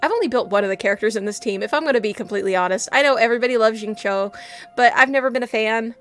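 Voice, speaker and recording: A woman hosting a gaming channel with bubbly, goofy, fast casual commentary, speaking from her home in a rural area. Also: on the high side.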